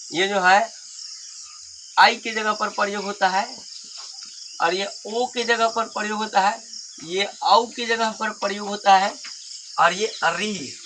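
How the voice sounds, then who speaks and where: A man teaching a grammar lesson, explaining slowly and pointing at symbols one by one. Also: high-pitched. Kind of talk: Hindi grammar lesson at a board. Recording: noisy background with insects.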